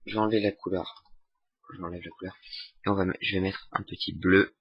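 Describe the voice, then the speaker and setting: Young man, lowish husky voice, halting casual tutorial, dull dry home mic. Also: flat delivery, no echo. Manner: hesitant, many fillers and restarts, self-mocking. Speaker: software tutorial maker. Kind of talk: casual screen-recorded tutorial.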